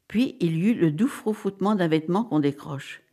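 Animated French woman reading aloud. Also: fairly low pitch, moderate pace. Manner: animated, dramatic. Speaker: narrator. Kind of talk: expressive audiobook reading.

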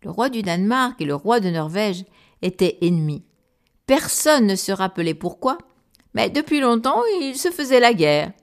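A woman narrating a children's story in a clear, gentle storytelling manner. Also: medium pitch, animated, moderate pace.

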